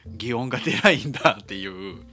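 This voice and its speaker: A man co-hosting a casual radio show with a Kansai accent, animated and laughing often, using lots of sound words. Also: mid-range voice, a little fast. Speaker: radio co-host. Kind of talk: casual chat.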